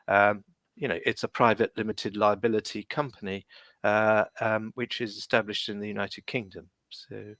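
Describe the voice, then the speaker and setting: A lawyer appearing as a podcast guest answers reflectively over a video call from London, hesitant and full of fillers. His voice is on the low side with a fairly bright tone and no echo.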